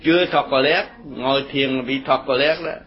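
A man's voice: mid-range voice, fairly even intonation, fairly quick. An older Buddhist teacher giving a rambling, folksy talk to his followers, chuckling as he tells stories. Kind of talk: informal dharma talk with followers. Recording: dull lo-fi recording with crowd behind. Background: group of listeners.

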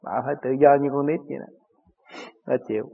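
A man's voice: medium pitch, steady tone, quick pace, creaky, husky, phone-quality sound. A man with a Southern Vietnamese accent, a spiritual teacher answering his disciples' questions in plain, chuckling stories. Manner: chuckling, plain-spoken storytelling.

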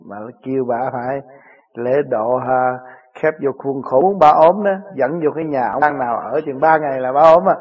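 A man's voice: mid-range voice, normal speed, breathy edge, dull audio. A man with a Southern Vietnamese accent, a spiritual teacher answering his disciples' questions in plain, chuckling stories. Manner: chuckling, plain-spoken storytelling.

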